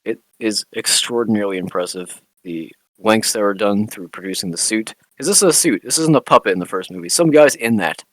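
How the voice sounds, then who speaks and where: A man co-hosting a podcast, explaining film details in a relaxed, casual way with the odd swear. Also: lowish voice, a little fast, hardly any pauses, no room sound, poor audio. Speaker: podcast co-host.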